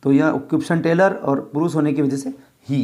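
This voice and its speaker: A man from India teaching an English workbook lesson, reading sentences slowly and explaining them in Hindi. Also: a little high, a little mellow.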